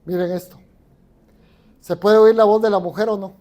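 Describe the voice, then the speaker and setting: Conversational Mexican pastor preaching. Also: male voice, sits high, fairly even intonation, normal speed, warm tone. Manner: conversational, asks the congregation questions. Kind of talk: sermon. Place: church.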